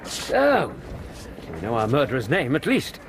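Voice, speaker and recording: An actor playing an earnest, courteous British doctor in a radio drama, measured, polite and sincere, with a British accent. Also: male voice, medium pitch, huge pitch swings, heavy background noise.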